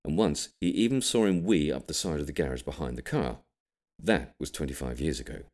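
This British man reads an audiobook, delivering scripted comic narration in an expressive storytelling style. He has a bass voice and talks a little fast.

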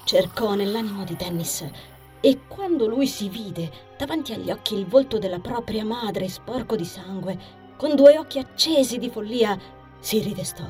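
Woman narrating a dark fantasy audiobook. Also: mid-range voice, normal speed, faint music behind. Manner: expressive, theatrical reading with sharp shifts in loudness.

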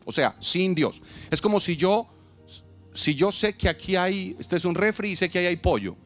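A man, preaching an outdoor sermon as pastor, animated and humorous, acting out little dialogues and asking the crowd to repeat after him. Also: sits high, normal speed, soft background music. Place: outdoors in a parking lot.

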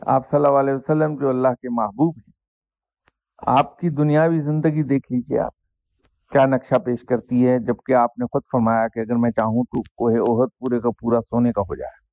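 A man, a spiritual teacher telling an anecdote and reflecting on faith in an unhurried, self-deprecating way. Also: medium pitch, fairly even intonation, creaky, no room sound. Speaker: spiritual teacher answering questions. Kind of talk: anecdotal storytelling and religious reflection. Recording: dry, tinny phone-like sound.

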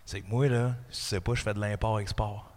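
A man with a Québécois French accent, a guest comedian teasing his hosts and telling deadpan stories. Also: fairly low pitch, quick pace, big-room sound. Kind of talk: joking banter.

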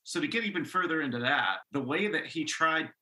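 A man's voice: fairly high pitch, lively intonation, brisk, pushed and bright, poor audio. A man co-hosting a podcast, recounting a paranormal mystery in casual, rambling chat full of fillers. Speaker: podcast co-host.

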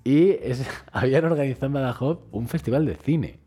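With a brisk, husky, mid-range voice, a podcast co-host on a casual chat show recounts a dream. He tells it in an animated way, performing the voices of the crowd.

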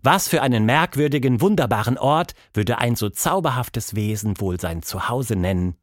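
Lively male storyteller, dry close sound. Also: mid-range voice, moderate pace, no room sound. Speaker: narrator. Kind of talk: scripted children's story narration.

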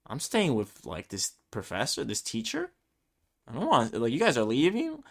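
Pitch swooping wildly around a medium center, this twenty-something Brooklyn native, who speaks Spanish, delivers a rambling solo podcast monologue packed with ums, restarts, and self-deprecating humor. He talks at a moderate pace with vocal fry and a slightly bright tone.

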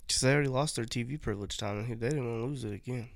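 A man's voice: mid-range voice, rapid-fire, vocal fry, no echo. A man co-hosting a casual podcast chat, telling rambling stories and swearing freely. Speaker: podcast co-host.

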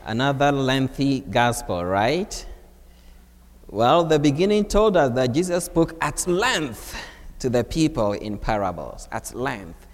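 Slow-preaching priest in a church. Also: male voice, lively intonation. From Ghana. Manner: slow, measured preaching with wide swings of pitch. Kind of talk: homily at Mass. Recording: long church reverb.

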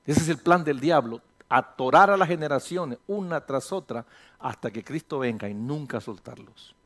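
A man preaching a sermon as pastor, animated, asking rhetorical questions and dropping English phrases into his talk. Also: mid-range voice, normal speed. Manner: animated, rhetorical questions, voices imagined listeners.

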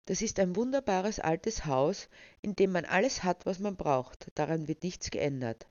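A woman voicing a calm young man who speaks coolly and curtly, in a dull, dry recording. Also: fairly low pitch, a little slow, no echo. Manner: cool and curt.

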